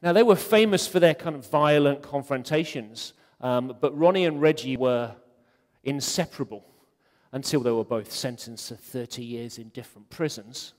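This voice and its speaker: A man's voice: mid-range voice, normal speed. A man giving a conference talk, chatty and joking, with many ums. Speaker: conference speaker. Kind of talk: conference talk on web design. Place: conference hall. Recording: long hall reverb.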